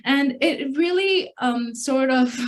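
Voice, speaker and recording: A woman's voice: sits high, takes it slowly, a little hiss or hum. A young woman from Hong Kong giving a prepared contest speech, telling a personal story in an earnest manner. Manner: earnest storytelling, acts out quoted dialogue. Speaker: test speaker at a speech contest.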